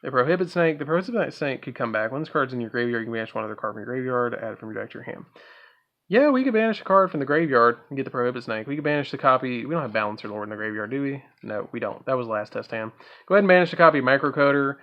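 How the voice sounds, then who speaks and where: A man's voice: mid-range voice, animated, racing, lo-fi sound. A man casually walking viewers through a card game deck, thinking aloud and trailing off with ums. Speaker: card game content creator. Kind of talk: casual gameplay walkthrough.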